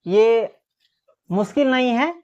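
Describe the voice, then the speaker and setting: A woman teacher giving a classroom lesson on reading Hindi letters. She sounds out letters slowly one by one, then quizzes the class and answers herself. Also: a little high, darkish tone. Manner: drills by asking questions and answering them herself. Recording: dull lo-fi recording.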